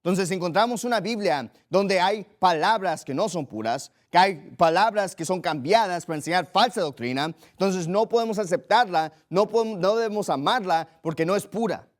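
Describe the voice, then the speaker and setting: A young man preaching a sermon with a somewhat high voice for a man. He drives his points home, repeating short phrases for emphasis and slowing down to read scripture aloud. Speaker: pastor.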